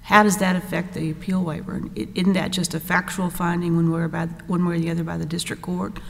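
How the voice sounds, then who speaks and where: Brief: female appellate judge, low gravelly voice, flat delivery, probing questions, courtroom reverb. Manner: probing, questions in quick restarts. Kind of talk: presiding and questioning counsel.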